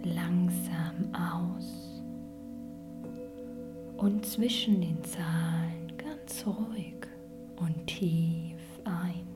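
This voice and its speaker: A woman whispering a guided sleep meditation like a sleep story narrator, gentle and soothing. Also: on the low side, fairly even intonation, extremely slow, long pauses, loud music behind the voice. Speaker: podcast host and meditation guide.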